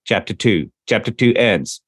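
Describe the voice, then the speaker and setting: A man's voice: lowish voice, expressive, moderate pace, a bit bright, no room sound. A man co-hosting a music podcast, rambling and reading lyrics aloud. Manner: rambling, restarts, reads out lyrics. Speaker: podcast co-host. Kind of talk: casual chat.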